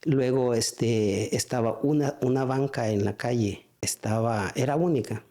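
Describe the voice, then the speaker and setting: A man giving a spoken church testimony, halting, with frequent restarts and fillers. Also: mid-range voice, warm tone.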